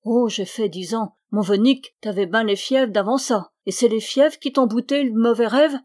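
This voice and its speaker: A woman reading the part of a young peasant girl who keeps geese, chatty and proud, speaking in a lively, folksy country way. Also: a little high, normal speed, natural voice. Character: peasant girl goose-keeper, chatty, proud, quick-tempered.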